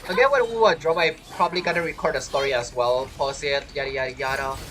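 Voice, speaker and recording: This man talks fast as he streams a game, his medium-pitched voice a bit bright while he rambles and muses casually about the gameplay. There is faint game music underneath.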